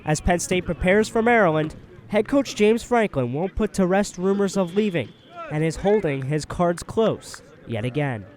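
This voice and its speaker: His voice sits high, with lively intonation and a moderate pace. He's a sports broadcaster in his early twenties, handling hockey commentary alongside scripted news narration.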